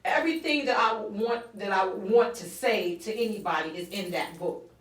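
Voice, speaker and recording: A woman guest in an interview, telling her story in animated fashion and acting out quotes. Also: medium pitch, normal speed, far from the mic. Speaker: guest author. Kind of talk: conversational interview. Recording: roomy, from off-mic.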